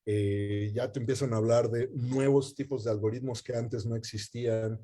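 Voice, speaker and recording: A man's voice: mid-range voice, fairly even intonation, moderate pace, warm tone. A man in a webinar, explaining data science at length with many fillers and restarts.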